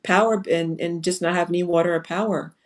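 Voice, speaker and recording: Woman, lowish voice, reflective panel guest on a video call. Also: steady tone, a little fast. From Liberia. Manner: earnest and reflective, with frequent fillers. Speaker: foundation founder and panel guest. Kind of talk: casual panel talk on a live webinar.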